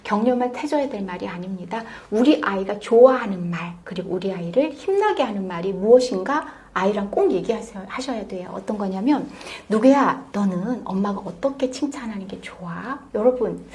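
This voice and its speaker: A woman giving parenting advice on a talk show, emphatic, swinging from loud stresses to hushed near-whispers. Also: medium pitch, lively intonation, normal speed, hardly any pauses. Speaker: parenting expert guest.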